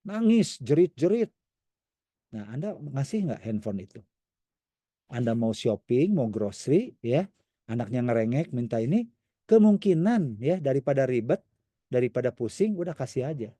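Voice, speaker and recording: A man's voice: medium pitch, warm tone, no room sound. A man giving a conversational teaching talk to a church women's fellowship as a counselor, often acting out quoted voices. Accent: Indonesian.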